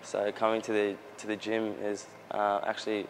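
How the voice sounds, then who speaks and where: Young Australian man, low flat voice. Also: moderate pace, a little hiss or hum. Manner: earnest, with frequent restarts and fillers. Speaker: soccer player. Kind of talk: casual interview answers. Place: outdoors near a gym in a built-up area.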